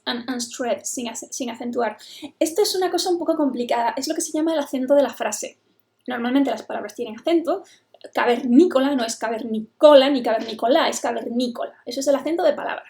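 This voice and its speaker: A woman's voice: high-pitched, lively intonation, normal speed, a little mellow. A woman English teacher, patiently explaining a lesson. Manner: explains patiently, switching between English and Spanish.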